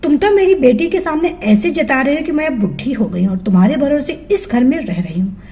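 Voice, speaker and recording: Woman voicing an older mother-in-law, sarcastic, grumbling, high lively voice, storybook. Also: fairly quick. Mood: scolding. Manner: scolding, sarcastic.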